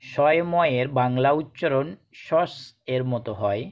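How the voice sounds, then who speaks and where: A man teaching a pronunciation lesson, who speaks slowly and deliberately and repeats each example word as a drill. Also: medium pitch. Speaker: Bengali teacher. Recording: dull lo-fi recording.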